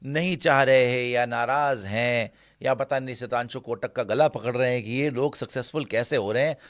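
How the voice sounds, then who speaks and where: A man's voice: medium pitch, moderate pace, no echo, studio quality. A man hosting a casual cricket talk show, blunt and opinionated, mocking critics.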